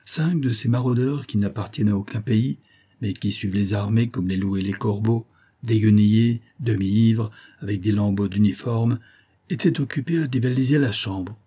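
A male audiobook narrator reads a classic novel steadily and measuredly. His voice is low and dark with a husky grain.

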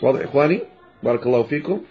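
A man from Morocco, teaching Quran pronunciation and slowly demonstrating letter sounds. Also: mid-range voice, faint music behind. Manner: addresses listeners as brothers, demonstrates sounds slowly. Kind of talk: tajweed lesson explaining pronunciation. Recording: dull lo-fi lecture recording.

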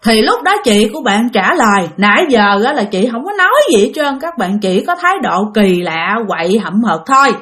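A woman's voice: on the high side, very animated, moderate pace, few pauses, a bit bright. A woman with a Southern Vietnamese accent telling a ghost story in a chatty way, often addressing her listeners directly. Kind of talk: spoken ghost story narration.

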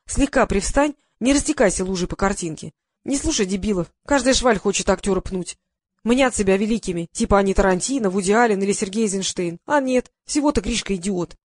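A woman's voice: medium pitch, a little fast, a little mellow, no echo, lightly acted. A woman voicing a tired, complaining male actor. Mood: complaining, scornful. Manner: complaining, scornful.

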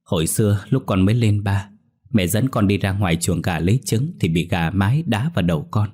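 A man's voice: on the low side, a little fast, darkish tone, slightly rough. A man voicing a young woman possessed by a dead man's spirit, wailing and pleading. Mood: recounting.

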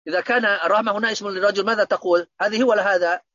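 A man's voice: high voice, fairly even intonation, rapid-fire, pushed and bright. A man teaching Arabic grammar in an online lesson, quizzing his students with repeated questions. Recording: dull, dry lo-fi audio.

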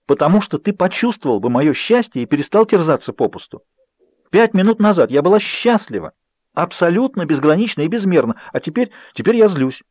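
A man's voice: a little high, sing-song, a little fast, darkish tone, no room sound, muffled recording, voice pushed up. A man voicing an earnest young woman with pleading, emotional speech in an audiobook. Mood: upset. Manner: pleading, heated outbursts.

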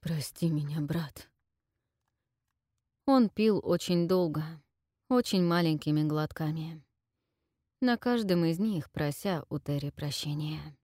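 A woman narrates an audiobook in a slow, deliberate, measured reading. Her voice sits somewhat low, and the recording is dry and close. She keeps a steady storytelling pace. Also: no echo. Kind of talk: scripted narration.

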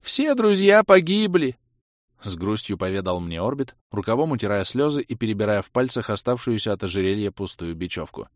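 A man narrating a fantasy adventure audiobook in the first person, lively and acting out the dialogue. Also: lowish voice, fast talker, no echo, studio quality. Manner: lively, acts out shouts and dialogue.

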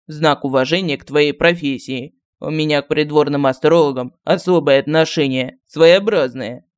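A sarcastic magic medallion, voiced by a man, practical and fond of needling people. Its voice sits a bit high with a strange timbre. Dry, teasing delivery for an audiobook. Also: level tone, moderate pace, clear, resonant tone, dry recording, close to an everyday voice. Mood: grudging. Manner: mocking and dry. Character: sarcastic talking male medallion, practical and cheeky.

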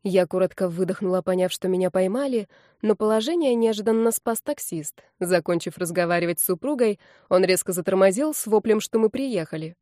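Female audiobook narrator, lively first-person storytelling, mid pitch, very dry close sound. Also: fairly quick, hardly any pauses, no echo.

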